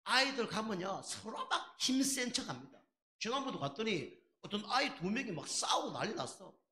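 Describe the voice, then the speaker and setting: Man, pastor, sermon, rhetorical questions, lively pitch, echoey sanctuary. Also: normal speed. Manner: conversational preaching with rhetorical questions.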